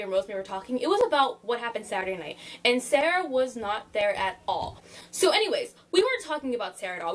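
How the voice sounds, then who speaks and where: A woman's voice: on the high side, low-quality recording. A young woman telling a storytime vlog in a blunt, profane, emphatic way, full of "like.". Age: young adult. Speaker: college student vlogger.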